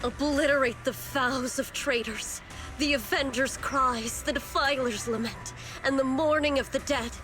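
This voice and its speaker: Scheming zealot villainess, condescending, theatrical, higher-pitched, game voice acting, prominent music behind. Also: female voice, fairly even intonation, unhurried. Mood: fervent prayer. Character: fanatical scheming female villain devoted to a Creator. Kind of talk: scripted video game voice acting.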